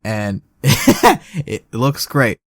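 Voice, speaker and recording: A young man co-hosting a casual podcast, chatting and acting out movie quotes with lively energy. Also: medium pitch, drawn-out words, dry recording, studio quality. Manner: animated, acts out movie quotes. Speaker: podcast co-host. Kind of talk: casual chat.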